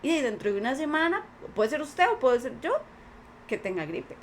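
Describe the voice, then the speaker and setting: A higher-pitched woman with a Costa Rican accent speaks earnestly, recounting her own story in a relaxed conversation. She slips into the voices of the people she quotes, and a faint hiss sits under her voice. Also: moderate pace. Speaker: podcast guest. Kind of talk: personal testimony in conversation.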